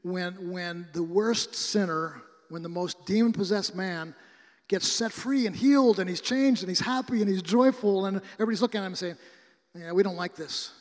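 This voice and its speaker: A man's voice: high-pitched, in a large hall. A man from the American Midwest preaching a sermon in a casual, conversational way, often stumbling and restarting his sentences. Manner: conversational, halting, frequent restarts.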